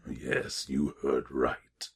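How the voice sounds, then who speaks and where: Gravelly, menacing King Sombra. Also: extremely low pitch, little pitch movement, exaggerated voice. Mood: smug, menacing. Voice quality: gravelly, raspy, breathy. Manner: slow, smug, menacing. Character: menacing, seductive dark unicorn tyrant king. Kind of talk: fan fiction audio drama.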